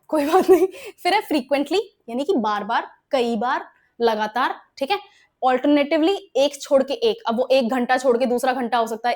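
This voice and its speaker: Young woman, Indian English accent, high pitch, explanatory exam-prep teaching, frequent check questions. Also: darkish tone. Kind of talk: exam-prep grammar lesson.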